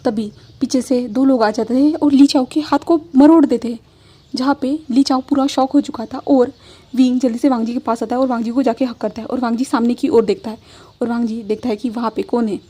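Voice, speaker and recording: A woman's voice: fairly high pitch, steady tone, normal speed, mellow, husky. A woman retelling a fan fiction story as narrator, with many repeated filler phrases.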